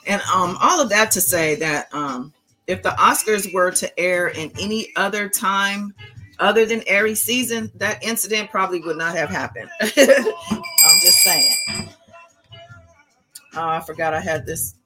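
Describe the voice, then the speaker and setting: A woman's voice: mid-range voice, normal speed, over music, rough recording. A woman hosting an online channel, giving casual, chatty commentary to her viewers. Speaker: host of an online spiritual channel.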